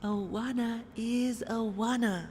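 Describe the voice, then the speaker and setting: Game casting: clinging, eerily gentle mother, unhurried and mellow, in long reverb. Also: a little high, fairly even intonation. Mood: eerily cheerful. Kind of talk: scripted video game acting. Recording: long reverb, background noise.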